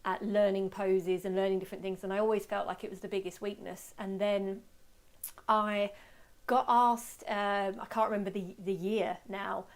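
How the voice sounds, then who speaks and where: A British woman teaches a casual online webinar in a medium-pitched voice. She is chatty and self-deprecating, and her voice is slightly hoarse, as if starting to give out. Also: flat delivery, moderate pace. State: voice giving out, slightly hoarse after a workshop. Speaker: webinar host and photography teacher.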